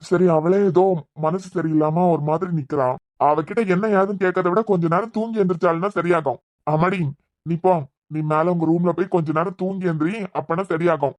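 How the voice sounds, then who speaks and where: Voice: mid-range voice, steady tone, fairly quick, no echo, lightly acted. A voice artist playing an elderly grandfather in a cartoon serial who soothes the family and demands respect, with a Kanyakumari Tamil accent. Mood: soothing. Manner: soothing, then indignant about respect. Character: stern, calming old grandfather.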